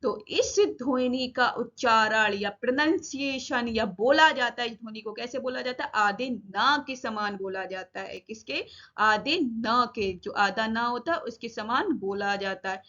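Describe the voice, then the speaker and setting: Woman teacher, children's grammar lesson, bright voice, dull lo-fi sound. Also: on the high side. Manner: slow, repeats each point and asks the class questions.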